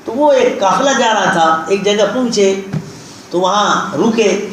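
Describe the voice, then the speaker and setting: A man's voice: sits high, a bit bright. A man preaching a sermon, telling a story and speaking straight to his listeners. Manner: tells a story and addresses listeners directly. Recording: very echoey hall with background noise.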